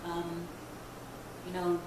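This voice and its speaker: A woman's voice: on the low side, completely flat delivery, drawn-out words. Chatty young woman. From Papua New Guinea. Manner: conversational, many fillers like you know. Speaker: interviewee. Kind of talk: casual interview answers. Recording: echoey, distant mic, background noise.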